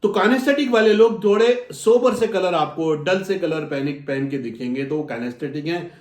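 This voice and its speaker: Animated male coach, echoey room. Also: high voice, a little slow. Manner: animated, acts out customer dialogues; addresses listeners as friends. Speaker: soft skills coach. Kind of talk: motivational lesson.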